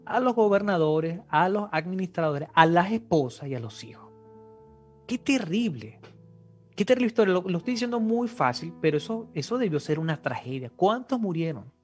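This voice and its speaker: This is a preacher in full sermon mode, voice pitched in an ordinary middle range, throwing question after question at the listeners. The delivery is animated and emphatic, with sudden exclamations punching through the storytelling. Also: moderate pace, faint music behind. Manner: animated, rhetorical questions to the congregation.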